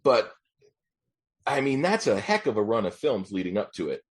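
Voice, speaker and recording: A man in his forties, a podcast guest, talking casually with many ums and pauses. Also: on the low side, big pitch swings, husky. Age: 40s. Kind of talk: casual chat.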